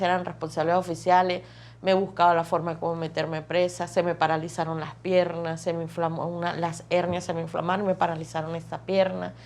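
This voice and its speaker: A woman's voice: lowish voice, a little hiss or hum. A woman, giving an emotional personal testimony in vivid, repetitive storytelling that piles up phrases. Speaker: testimony guest.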